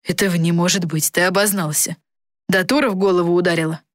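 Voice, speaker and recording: Woman reading a gruff young captain guy, short-tempered, curt, dry close sound. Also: on the low side, steady tone, fast, dry recording, close to an everyday voice. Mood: impatient.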